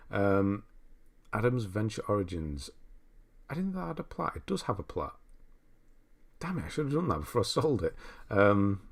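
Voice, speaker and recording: On a casual livestream, a man with a low voice chats, reads viewer messages aloud and gives his take on game lists. As host, he rambles and thinks out loud, frequently wandering off into asides.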